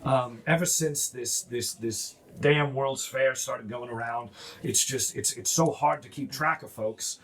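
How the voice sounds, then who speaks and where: A game master voicing a gruff, overworked dwarf man who rambles through his complaints. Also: mid-range voice, a little slow, fairly bright tone, pitched below the performer's own voice. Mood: worried.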